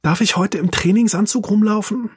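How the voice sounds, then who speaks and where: Pleading little boy, pitched way up, as a man puts him on. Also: moderate pace, a little mellow, husky, no room sound, clean studio sound. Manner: high, eager, whining pleas. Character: restless seven-year-old boy, pushy and loud.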